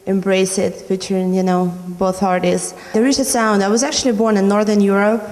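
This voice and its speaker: A woman's voice: mid-range voice, level tone, fairly quick, darkish tone, in a large hall. A young woman from Norway, a recording artist, talking about her music in an interview, with many "you know" fillers. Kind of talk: interview answers.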